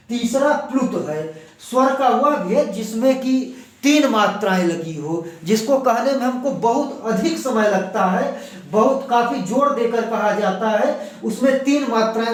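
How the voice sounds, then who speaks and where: Male tutor, very high voice, slow and repetitive, exam-prep lesson, recorded from a distance. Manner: slow, drawn-out explanations with repeated examples. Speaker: teacher. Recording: echoey room, mic at a distance.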